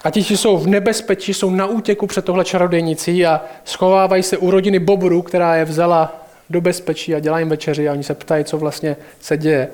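A man's voice: high voice, a little mellow. A man preaching a sermon in a conversational way, addressing listeners directly.

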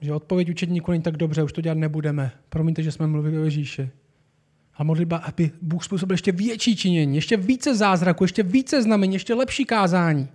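Male preacher, high voice, earnest sermon delivery that builds to animated emphasis.

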